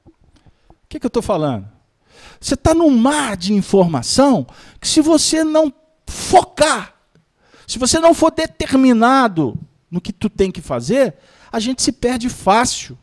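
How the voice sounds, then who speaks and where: Man, high voice, swooping intonation, joking lecturer. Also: a little slow, pauses often. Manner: animated, joking, acts out little scenes. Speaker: lecturer of a Spiritist study group. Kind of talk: lively live-streamed study talk.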